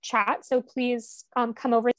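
A woman speaking as a panelist on a video call whose audio keeps dropping out, leaving her words halting and cut off. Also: a little high, flat delivery. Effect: call dropping out, audio breaking up. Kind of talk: online panel presentation.

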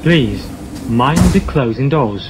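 A man making recorded train announcements over the intercom, in slow, evenly spaced phrasing. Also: mid-range voice, lively intonation, over music. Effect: over the intercom, from the train's loudspeaker. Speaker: station announcer.

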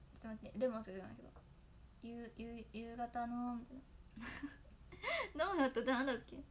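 With slight background noise, a young woman speaks in a voice on the high side while casually chatting to fans. She's an idol trainee on a solo stream, reciting tongue twisters and giggling frequently.

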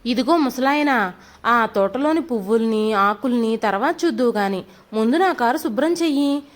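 A harsh, bullying rich man barks orders in an audio storybook, as a woman narrator reads his part. The delivery sits high and swings widely as he scolds. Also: lively intonation, moderate pace, natural voice. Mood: angry scolding. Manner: shouting, scolding.

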